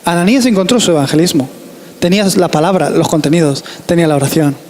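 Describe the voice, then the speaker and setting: A man's voice: a little high, lively intonation, fast, darkish tone. A man from Spain with a Spanish accent, preaching a sermon in an earnest, emphatic way and repeating his key phrases. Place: church hall. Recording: reverberant church hall.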